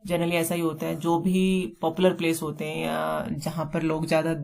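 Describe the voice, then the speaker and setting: Woman, low-pitched, vocabulary teacher, step-by-step explanations, repeats key words. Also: completely flat delivery, normal speed, creaky, darkish tone. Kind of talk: exam-prep vocabulary lesson.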